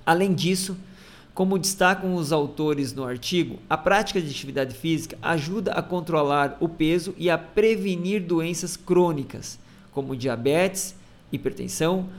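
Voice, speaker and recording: A man's voice: on the high side, moderate pace. A man reads a news article about a health study aloud, adding casual asides and restarts as he explains it.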